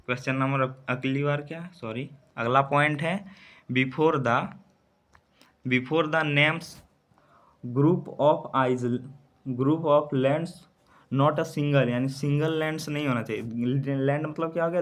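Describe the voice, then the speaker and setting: A man teaching an English grammar lesson in for exam preparation. He asks his students questions and answers them himself, and spells out letters and words slowly. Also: mid-range voice, fairly bright tone.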